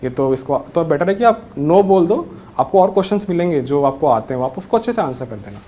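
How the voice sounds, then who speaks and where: Young male interview guest, slightly high voice, reassuring and casual, faint noise behind. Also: lively intonation, brisk, warm tone. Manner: friendly, reassuring, mixes English words into Hindi. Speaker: interview guest, newly selected civil judge.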